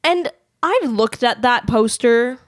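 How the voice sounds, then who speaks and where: A woman's voice: on the high side, lively intonation, slow, no room sound. Podcast host: young woman, New Jersey accent, giggly and chatty, close dry sound. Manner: chatty, laughs often, giggly asides. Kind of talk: casual chat. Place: bedroom.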